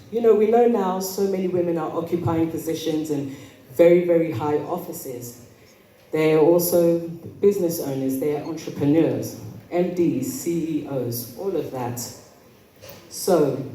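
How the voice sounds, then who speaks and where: A woman giving a motivational talk as an etiquette coach, with prim, precise enunciation and a measured, polite manner. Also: sits low, mellow. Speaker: etiquette coach speaking at an event. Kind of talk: motivational talk to a live audience. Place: indoor event room with audience. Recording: roomy, distant mic, noisy hall.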